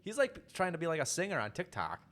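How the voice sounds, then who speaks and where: A young man chats loosely on a podcast, his pitch jumping around as he rambles and laughs. Casual, unscripted banter. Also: fast talker. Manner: animated, laughs often, rambling asides. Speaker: podcast co-host. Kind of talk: casual chat.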